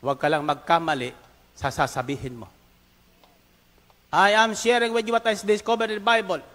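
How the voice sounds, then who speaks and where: A male preacher works the congregation with emphatic, call-and-response preaching. His voice sits high for a man, and it rings through a large hall with long reverb. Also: normal speed, a bit bright.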